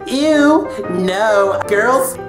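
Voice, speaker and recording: A man putting on the voice of a young boy who is grossed out by girls, whining in a drawn-out sing-song. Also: high voice, expressive, full character voice. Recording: roomy with music behind.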